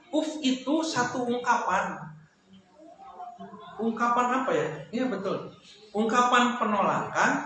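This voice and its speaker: Male religious teacher, Sundanese accent, fairly high voice; conversational lecture style, recorded in a booming, echoey hall. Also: a bit bright. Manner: conversational, often addresses the women listening; mixes in local words, pauses with fillers. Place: hall at a weekly study gathering. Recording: very echoey hall, faint noise.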